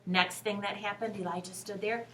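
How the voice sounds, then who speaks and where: A woman telling a Bible story to children, animated and swinging between loud lines and soft whispers. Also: medium pitch, normal speed, distant mic. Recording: recorded from across the room.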